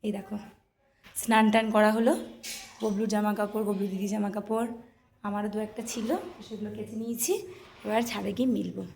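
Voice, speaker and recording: A hoarse woman filming a casual home vlog, coaxing and chatting with her small child. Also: mid-range voice, little pitch movement, fairly quick, pauses often, darkish tone, a little hiss or hum. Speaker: mother and vlogger. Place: indoors at home.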